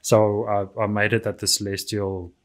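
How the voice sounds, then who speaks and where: Speaking at a moderate pace in a lowish, flat voice, a man narrates casually over his artwork as he reviews his drawings. His first language is Afrikaans, and he fills his talk with ums and restarts.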